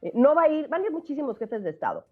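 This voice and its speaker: A woman giving chatty, lively radio commentary. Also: high-pitched, fast talker, soft background music. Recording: tinny phone line.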